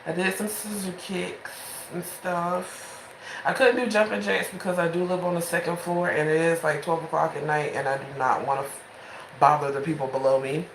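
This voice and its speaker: A woman's voice: on the low side, steady tone, moderate pace, roomy sound, a little hiss or hum, rough recording. Chatty young woman vlogging at home. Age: 20s. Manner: chatty, rambling, frank. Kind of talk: casual late-night vlog. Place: home bedroom at night. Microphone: phone held in hand.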